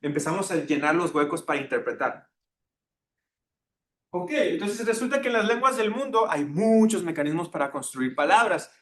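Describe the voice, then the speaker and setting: A man's voice: animated, moderate pace, a bit bright. Man lecturing in an echoey classroom. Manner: engaging, keeps checking in with tag questions. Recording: echoey classroom with faint rumble.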